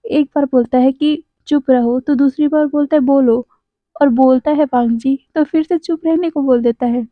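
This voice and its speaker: A woman retells a fan fiction story aloud and drops chatty asides between story lines. Her voice sits high. The sound is dry and tinny, like a phone line. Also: steady tone, normal speed, few pauses, dry recording.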